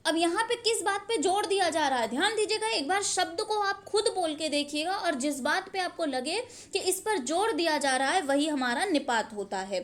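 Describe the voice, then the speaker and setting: A woman with a very high voice teaches a grammar lesson for exam preparation. She explains patiently, repeating each example and asking rhetorical questions to check that the viewer follows. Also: animated, normal speed, few pauses.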